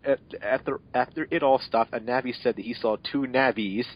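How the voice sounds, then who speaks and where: A young man gives an amateur dramatic reading of fanfiction, tripping over the words and tossing in sarcastic comments. His medium-pitched voice moves fairly quickly, and the home recording sounds dull and a bit muffled.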